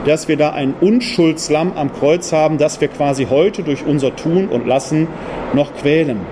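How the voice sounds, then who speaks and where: A man from the Ruhr area in Germany giving a public lecture in a parish hall, talking quickly and posing pointed rhetorical questions. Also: fairly high pitch, noisy background.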